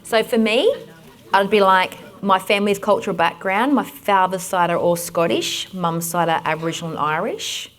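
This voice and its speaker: Energetic Australian woman leading a workshop. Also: mid-range voice, moderate pace. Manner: direct, energetic and instructing. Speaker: workshop presenter. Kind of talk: conference workshop talk.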